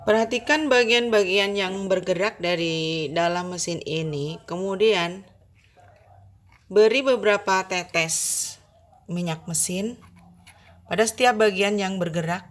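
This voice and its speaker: A woman explaining sewing machine upkeep step by step, slow and instructive, addressing the viewer formally. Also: medium pitch. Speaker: sewing tutorial host. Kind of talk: step-by-step tutorial narration.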